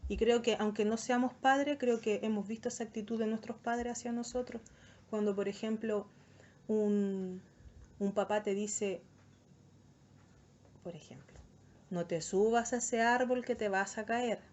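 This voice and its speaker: A young woman with a Chilean accent giving an earnest, animated devotional talk to a youth group, acting out the voices she quotes. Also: a little high, a little slow, long pauses. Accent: Chilean Spanish. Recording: dull lo-fi recording, faint noise.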